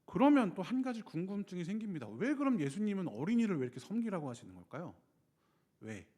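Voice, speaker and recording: A male pastor preaching a sermon in an animated way, acting out the voices he quotes. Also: high voice, fast talker.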